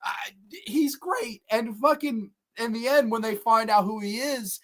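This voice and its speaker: Profane, excitable movie-review host. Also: medium pitch, a little slow. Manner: enthusiastic, profane, rambling, with frequent restarts; reads viewer comments aloud. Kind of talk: casual live-streamed movie review.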